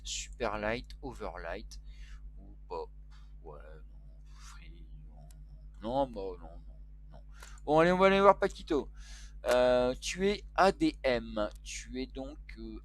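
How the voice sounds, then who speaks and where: A man's voice: on the low side, fairly bright tone, slight background noise. A man streaming online chess, talking casually to himself and to his viewers. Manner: muttering to himself, chatty with viewers. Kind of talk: casual live-stream commentary.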